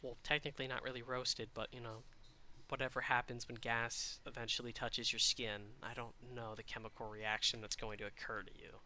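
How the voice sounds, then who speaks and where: A man's voice: medium pitch, level tone, brisk, pushed and bright, a little hiss or hum. A man chatting casually to his stream audience while playing a game, rambling and swearing freely. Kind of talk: live gaming stream chat.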